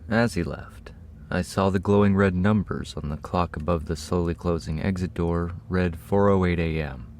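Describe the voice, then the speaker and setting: A man with a very deep voice narrates a first-person horror story in a steady, measured tone. A faint hiss sits under his reading.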